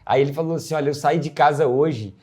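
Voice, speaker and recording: A man's voice: a little high, steady tone, fast talker, warm tone. A man with a Brazilian Portuguese accent telling a story in a casual, slangy chat. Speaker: co-host.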